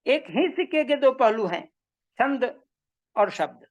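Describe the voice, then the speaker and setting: A woman giving a measured, emphatic lecture on Vedic meter, repeating her key points. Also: high-pitched, very animated, darkish tone, dull audio. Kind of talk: slow explanatory lecture.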